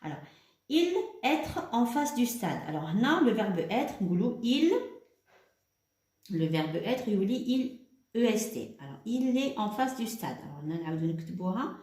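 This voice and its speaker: A woman with an Algerian accent teaching children, explaining step by step and dictating words slowly. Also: mid-range voice, big pitch swings, darkish tone, roomy sound. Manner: switches between French and Arabic, explains step by step; slow, deliberate dictation of words. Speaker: primary school teacher. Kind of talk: homework lesson for children.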